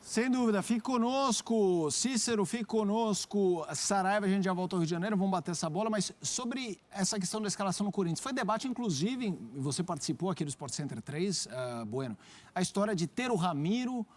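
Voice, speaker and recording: A man's voice: sits high, animated, brisk, darkish tone. A man hosting a sports show, energetically handing over and steering the debate. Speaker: studio host.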